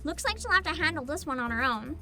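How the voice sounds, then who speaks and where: Animated, high-pitched woman streamer. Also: quick pace, soft background music. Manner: animated, giggly. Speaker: streamer playing a story game. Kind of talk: casual game commentary and read-aloud narration.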